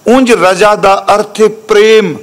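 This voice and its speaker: Guy giving a religious talk, fairly high voice, draws out the verses slow then chats through the meaning. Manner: chants quoted verses slowly, then explains in quick conversational speech; addresses listeners respectfully, correcting pronunciation. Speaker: Sikh preacher. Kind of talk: scriptural exposition sermon.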